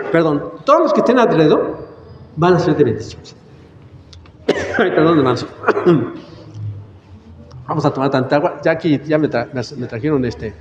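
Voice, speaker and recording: Male pastor, high-pitched, emphatic sermon, heavy echo, dull lo-fi sound. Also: expressive, a little slow, long pauses, slight background noise. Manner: emphatic preaching, repeats words, coughs and apologizes. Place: church hall. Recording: echoey church hall, dull sound.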